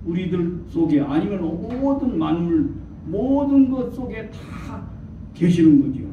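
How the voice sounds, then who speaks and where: High-voiced male preacher in an echoing hall. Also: very animated, measured pace, slight background noise. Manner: rhetorical questions, acts out quoted voices. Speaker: church elder preaching. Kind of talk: sermon. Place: church hall. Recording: echoey hall from far off, dull.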